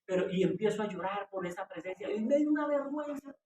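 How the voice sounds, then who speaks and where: A Colombian man preaching a passionate sermon as pastor, rising to loud emotional peaks. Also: high-pitched, animated, fast talker, lo-fi sound. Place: small house meeting room. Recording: echoey room, far from the mic, noisy.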